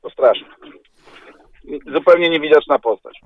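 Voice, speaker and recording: A man co-hosting a podcast, chatting casually and mostly chiming in with short lively agreements. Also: on the high side, a little slow, dry recording, narrow, tinny audio. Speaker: podcast co-host. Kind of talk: casual chat.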